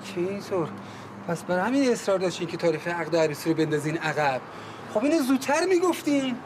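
A polite young fiancé in a TV drama. He speaks formally, eager to help, in a fairly high voice, and street traffic hums clearly behind him. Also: big pitch swings. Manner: courteous and formal. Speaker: suitor.

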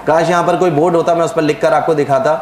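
A man's voice: fairly high pitch, little pitch movement, a little mellow, echoey room, slight background noise, poor audio. A man giving a religious lecture in a sermon style, explaining at length and putting questions to the audience before answering them himself.

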